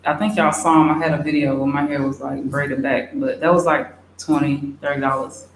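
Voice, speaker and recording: A young woman chatting casually, reading out and answering viewer questions in a relaxed way with many fillers. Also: sits low, fairly quick. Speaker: expat vlogger. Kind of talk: casual livestream Q&A. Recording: very echoey room, faint hiss.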